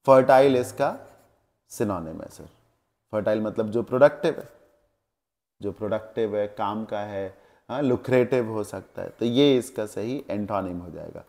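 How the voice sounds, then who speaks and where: A man with a lowish, creaky, mellow voice teaches English word meanings in a classroom. He glosses terms in Hindi and checks in with the class through questions as he goes.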